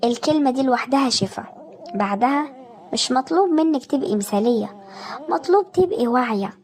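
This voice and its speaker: A woman with an Egyptian Arabic accent giving scripted motivational narration, speaking softly and intimately straight to the listener. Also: sits high, lively intonation, brisk. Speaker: narrator of a self-care video.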